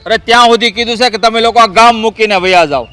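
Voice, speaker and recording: A man's voice: high voice, steady tone, quick pace, bright, forceful tone, soft background music. An actor playing an indignant man defending his insulted sister, who talks in an aggrieved, heated way. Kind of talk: village family stage drama.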